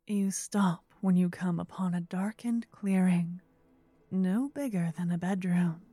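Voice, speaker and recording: A woman softly whispering a second-person ASMR story as narrator. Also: fairly low pitch, a little slow, no echo.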